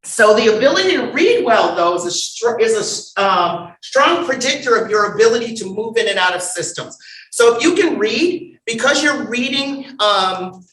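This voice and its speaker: A woman giving a conference lecture, lively and humorous, bantering with the audience and calling for the next slide. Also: a little high, normal speed. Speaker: conference speaker. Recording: roomy hall sound.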